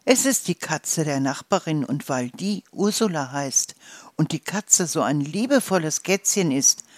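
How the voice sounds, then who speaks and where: A storyteller voicing a cheerful farmer's wife in a children's story, speaking bright and friendly. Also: medium pitch, expressive, unhurried, dry recording, close to an everyday voice. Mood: explaining. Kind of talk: storybook reading.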